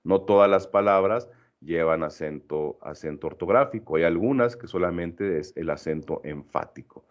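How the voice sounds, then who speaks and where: A middle-aged male teacher with a very low voice walks through a lesson, pausing often to check that his students follow. He restarts and corrects himself as he goes. The recording sounds dull and lo-fi. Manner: patient explaining, checking in with "¿sí?"; frequent fillers and self-corrections.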